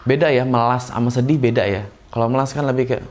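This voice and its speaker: A man gives a relaxed, chatty acting lesson and acts out short emotional examples as he goes. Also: mid-range voice, quick pace. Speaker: acting teacher. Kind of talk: casual classroom-style lesson.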